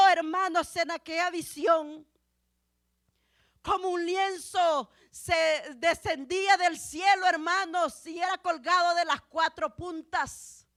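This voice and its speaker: A woman preaches a fervent church sermon, calling her listeners brothers and sisters and stretching out every phrase. Her voice sits very high and her pace is slow and deliberate, and she breaks into shouts at the key points. The sound is dry and close. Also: dry recording. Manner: fervent, drawn-out delivery, peppered with "hermanos" and "aleluya".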